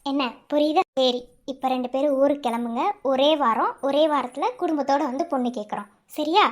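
A woman's voice: high-pitched, fairly quick, lightly acted. A woman voicing a firm, reassuring middle-aged mother in a cartoon, with a Madurai Tamil accent. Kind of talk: cartoon voice acting.

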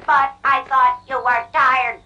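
A woman's voice: sits high, flat delivery, slow, muffled recording, heavy background noise. A woman voicing a small, polite male clockwork robot that winds on a spring, speaking in stiff, formal phrases in a cartoon. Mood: mild. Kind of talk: animated cartoon voice acting.

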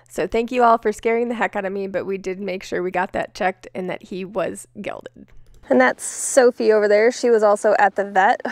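A friendly woman in her thirties chats about her horses for a farm vlog, holding the camera at arm's length out in a paddock. Her voice sits at an ordinary middle pitch, relaxed and chatty. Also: no echo. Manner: chatty, coos softly to the horses. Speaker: horse rescue farm owner. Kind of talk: casual vlog narration.

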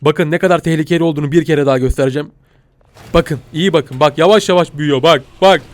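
Panicky, excitable young man gaming. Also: on the high side, quick pace, no room sound. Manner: panicky, shouting in mock fear, laughing. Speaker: gaming YouTuber. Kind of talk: excitable gameplay commentary.

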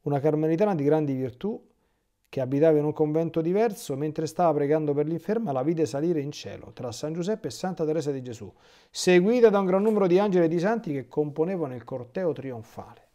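Speaking fairly quickly and at a fairly high pitch, this Italian priest gives a catechesis talk. His reading from a text is repeatedly interrupted by animated off-the-cuff remarks.

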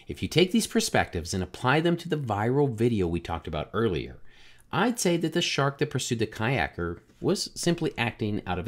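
A man in his forties, the channel's host, narrating a documentary voice-over in a measured, explanatory way with rhetorical questions. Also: medium pitch. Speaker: drone videographer and channel host. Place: home studio room, indoors.

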